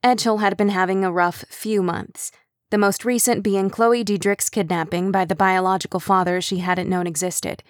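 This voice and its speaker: A woman reading an audiobook in scripted narration, with an even, measured delivery. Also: mid-range voice, dry recording, studio quality.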